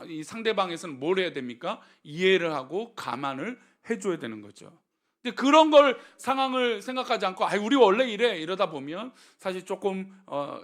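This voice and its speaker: A man's voice: high voice, a bit bright. A male pastor giving a sermon, telling humorous stories and asking the congregation rhetorical questions. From Seoul.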